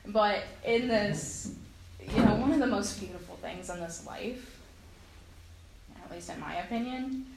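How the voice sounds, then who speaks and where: A woman telling a heartfelt personal testimony to a congregation in an earnest storytelling way, with frequent pauses and fillers. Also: mid-range voice, vocal fry, darkish tone, reverberant, a little hiss or hum, poor audio. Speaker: speaker sharing a personal testimony.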